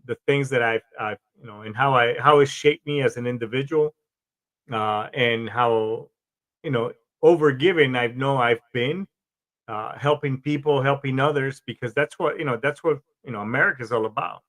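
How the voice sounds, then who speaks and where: A man's voice: mid-range voice, moderate pace, fairly bright tone. A man from Colombia, a Marine veteran, hosting a podcast in a rambling, casual monologue with frequent restarts and swearing.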